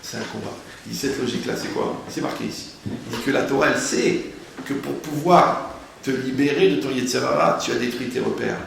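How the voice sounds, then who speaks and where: Gravelly man preaching in an echoey room. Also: mid-range voice, brisk. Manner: animated, humorous, wordplay, rhetorical questions. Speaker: rabbi giving a Torah lesson. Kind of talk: sermon. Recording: very echoey room, faint background noise.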